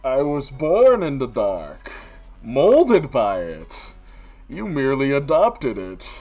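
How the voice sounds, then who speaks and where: A man voicing a hulking masked movie villain, speaking slowly and loudly, over-enunciating every word with grand theatrical menace. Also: medium pitch, huge pitch swings, soft background music, heavily acted. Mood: menacing grandiose.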